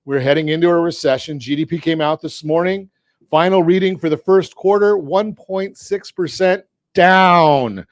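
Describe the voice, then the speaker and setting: A man with a slightly high voice and a Southern Californian accent hosts a finance talk radio show, energetically cracking jokes as he puts leading questions to his guests. He speaks at a moderate pace, and the show includes a sponsor read. It's a dry recording on a studio mic.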